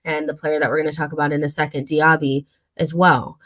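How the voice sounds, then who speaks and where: A young woman hosts a casual football livestream, her voice low and hoarse from a cold. She talks loosely, full of fillers, side remarks and quick restarts. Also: little pitch movement, fairly bright tone. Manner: chatty, many fillers and asides. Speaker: football channel host.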